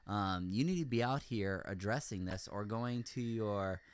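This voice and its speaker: A man's voice: lowish voice, measured pace, a little hiss or hum. A man hosting a casual talk show from home, chatting loosely with many fillers and frequent laughs. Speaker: host. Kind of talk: casual chat. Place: room at home with window open.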